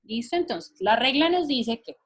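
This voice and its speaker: A woman's slightly high, bright, animated voice carries a recorded Spanish-language lesson on English grammar, delivered at a moderate pace. She teaches patiently, checking often with questions that her students are following.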